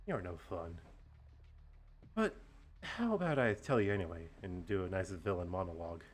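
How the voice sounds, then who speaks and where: A man plays a theatrical game villain who savours every taunt with slow, gleeful menace. The pitch swoops widely from line to line, mocking and grand, as the puppeteer toys with a victim. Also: animated. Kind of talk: character voicing in a game read-along.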